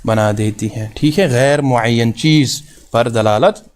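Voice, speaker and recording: A man's voice: medium pitch, a little mellow. Patient man teaching Arabic grammar. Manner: asks questions and answers them himself, repeats key terms; reassuring, often says it is very easy. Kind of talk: recorded grammar lesson.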